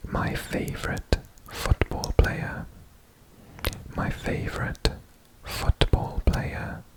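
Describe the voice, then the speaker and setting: Presenting a guessing quiz about themselves, this ASMR host from Wales keeps repeating words in a slow, deliberate, breathy whisper.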